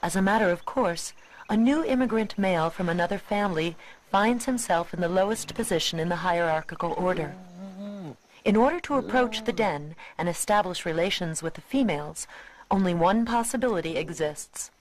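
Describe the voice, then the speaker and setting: A woman reading scripted nature documentary narration in a measured, expository way. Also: on the low side, lively intonation, slight background noise, rough recording.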